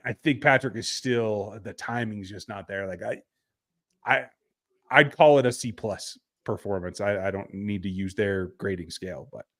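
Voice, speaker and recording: Blunt, laid-back male podcast host. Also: medium pitch. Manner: blunt, laid-back, frequent fillers and restarts. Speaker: podcast host reading listener texts. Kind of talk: casual sports talk.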